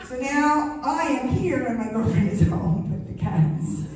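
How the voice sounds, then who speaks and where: A middle-aged woman performs a stand-up set on stage with a slightly high voice. She tells stories chattily and acts out sounds and voices. The sound is very echoey and distant, with faint noise behind. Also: lively intonation, unhurried, a little mellow. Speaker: stand-up comedian. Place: comedy stage before a live audience.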